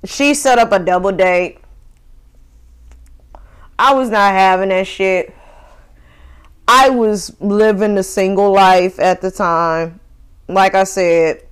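Woman in her thirties, profane rambling rant, slow unhurried pace, smooth clear voice. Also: medium pitch. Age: 30s. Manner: profane, laughing, rambling with restarts. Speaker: podcast host. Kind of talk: casual solo rant.

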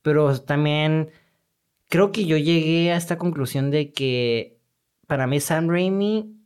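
A Mexican-accented voice talks about movies in an easygoing, energetic way, using slang, sound effects and lots of filler tags. The pitch is mid-range, the pace slow, and the tone clean.

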